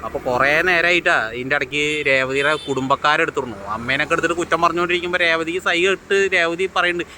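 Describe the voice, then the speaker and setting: A man's voice: a little high, fairly even intonation, very fast, sharp tone, slight background noise. A man giving a casual, rambling recap of a TV serial episode outdoors, with frequent restarts and passing vehicles behind. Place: outdoors beside a road.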